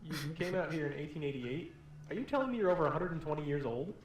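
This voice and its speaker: A man's voice: fairly high pitch, very animated, fast, very echoey, low-quality recording. A man playing a polite, earnest young investigator asking questions in an adventure game. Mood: earnest, inquisitive.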